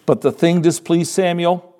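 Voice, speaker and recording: A male pastor preaching a sermon in a conversational way, moving between hushed asides and emphatic lines. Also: a little high, steady tone, moderate pace, a little hiss or hum.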